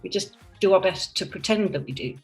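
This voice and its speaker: Her medium-pitched voice is expressive and brisk as this woman in her fifties, a product designer from Denmark and England, answers interview questions candidly and thoughtfully, frequently restarting. She joins by computer video call from her home by the sea. The mic sits at a distance in a roomy space, and soft music plays behind her.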